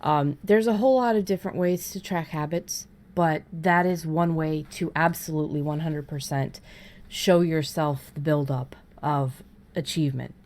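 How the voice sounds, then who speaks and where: A woman hosts a casual, conversational podcast, explaining things informally. Her voice is deep and a little mellow, at a normal speed.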